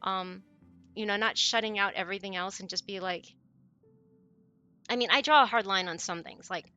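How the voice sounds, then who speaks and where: A woman's voice: mid-range voice, normal speed, sharp tone, clean tone. A woman live streamer talking casually to her chat in a rambling, conversational way. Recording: music playing behind the voice. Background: background music.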